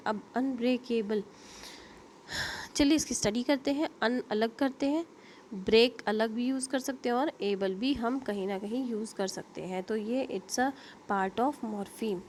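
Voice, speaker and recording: A woman's voice: on the high side, a little mellow, slight background noise. An Indian woman teaching an online linguistics lecture, explaining terms with frequent fillers, self-corrections and checks like "okay?".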